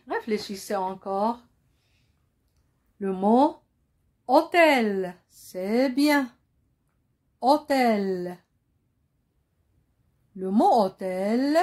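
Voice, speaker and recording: Slow, patient woman teaching. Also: a little high. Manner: drills words and asks pupils to repeat; switches into Moroccan Arabic to explain. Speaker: French teacher. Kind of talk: slow classroom-style lesson.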